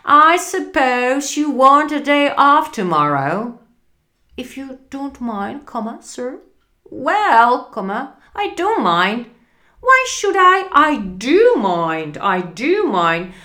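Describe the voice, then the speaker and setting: A woman reading aloud and voicing a mean, cold-hearted old miser, loud and snappish. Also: big pitch swings, slow, exaggerated voice. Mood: snapping. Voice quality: loud, high and shrill. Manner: snapping, grumbling.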